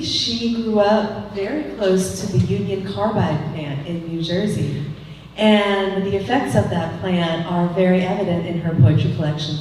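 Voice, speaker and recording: A woman's voice: fairly low pitch, warm tone, a little hiss or hum. A woman giving a heartfelt live introduction of the moderator. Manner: heartfelt, a bit emotional. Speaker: event host introducing moderator. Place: large echoey hall. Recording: echoey hall, distant.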